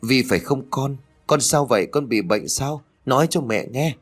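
A man's voice: mid-range voice, lively intonation, moderate pace, soft background music, pitched above the performer's own voice, close to an everyday voice. A man voicing a frantic, grieving middle-aged mother who pleads tearfully. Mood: distraught.

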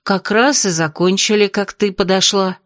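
A woman voicing a young tsarevna who answers calmly and evenly. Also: mid-range voice, normal speed, no room sound, clean studio sound, close to an everyday voice. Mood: evasive.

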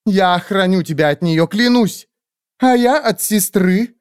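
A man reading an audiobook, voicing a tiny skeletal female dragon-bird, greedy and cowardly, in a shrill squawk. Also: a little slow, clean tone, no echo, clean studio sound. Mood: whining.

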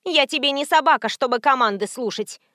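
A woman voicing a rude, volatile young woman with a shrill, scornful way of shouting. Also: lively intonation, a little fast, dry recording, clean studio sound. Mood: shrieking.

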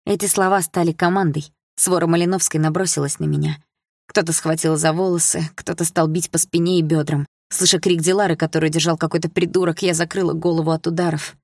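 A woman reads a first-person audiobook, her voice sitting low. She tells it in a steady, dramatic way, with a dry, close sound and no room around it. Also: brisk, vocal fry, dry recording. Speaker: audiobook narrator.

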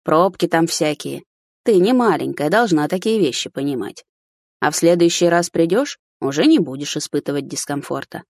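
A woman voicing a sly, mocking older man who talks slowly and teasingly, in a first-person audiobook. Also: sits low, lively intonation, darkish tone, dry recording. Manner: slow, drawling, teasing.

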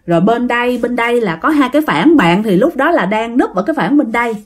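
A woman's voice: fairly high pitch, lively intonation, fairly quick. A woman narrating ghost stories in a chatty way, often speaking straight to her listeners. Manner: chatty, addresses listeners directly. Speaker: storyteller.

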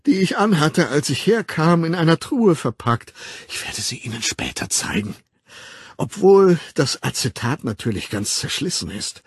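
A man's voice: slightly rough, no room sound, clean studio sound, exaggerated voice. A man doing a tearful, whining woman. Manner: high, pleading and whining, breaking into whispers. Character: distraught middle-aged woman, tearful, gossipy, self-pitying.

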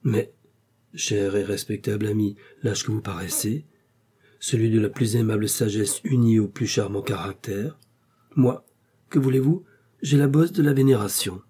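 A man's voice: on the low side, moderate pace, dark tone, breathy edge. A man reading aloud, voicing a mocking, courtly man of society in an audiobook. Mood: ironic. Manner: ironic, courtly.

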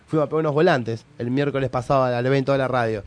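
A young man with an Argentine Rioplatense Spanish accent co-hosts a radio show, recounting a story in casual slang and playing both sides of a quarrel. His mid-range voice comes out rapid-fire.

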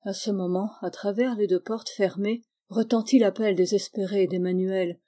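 Woman reading an audiobook, steady measured pace, mellow warm voice. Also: mid-range voice. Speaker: audiobook reader. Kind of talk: scripted narration.

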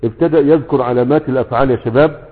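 Fast-talking Egyptian man teaching grammar. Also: medium pitch, fairly even intonation. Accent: Egyptian Arabic. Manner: keeps checking in with rhetorical questions. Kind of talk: lecture with a class. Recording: echoey, tinny phone-like sound.

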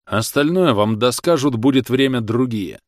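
A man voicing a calm, serious revolutionary. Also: mid-range voice, no echo, clean studio sound, pitched above the performer's own voice, lightly acted. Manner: serious, measured. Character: calm, serious Ukrainian-born male revolutionary.

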